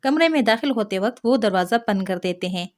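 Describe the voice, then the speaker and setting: A woman recapping a TV drama episode in a steady storytelling delivery. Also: mid-range voice. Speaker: TV drama reviewer.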